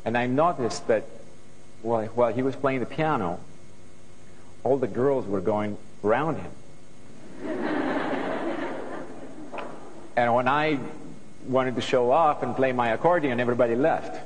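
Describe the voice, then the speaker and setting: A man's voice: medium pitch, unhurried, pauses often, noisy background. Greek-accented man speaking in a hall. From Greece. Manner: earnest, thoughtful, with frequent restarts. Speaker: guest composer. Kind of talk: talk to a student audience. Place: television studio stage before an audience. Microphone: lapel mic.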